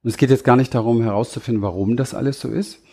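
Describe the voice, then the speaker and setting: Male coach trainer, motivational talk, low mellow voice with some fry, direct address, deliberate pacing. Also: steady tone. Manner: addresses listener directly, frequent tag questions.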